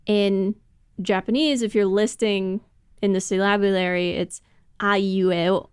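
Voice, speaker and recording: A woman's voice: mid-range voice, steady tone, moderate pace, clean tone, dry recording. Woman, podcast co-host, casual discussion, explanatory, laughs while talking, dry close sound.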